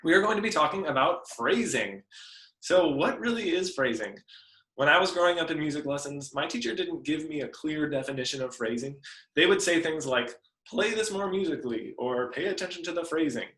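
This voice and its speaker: A man's voice: a little high, expressive, normal speed, bright, forceful tone, echoey room, poor audio. A man teaching piano in a friendly, explanatory way, sometimes humming melodies to show phrasing. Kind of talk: instructional video lesson.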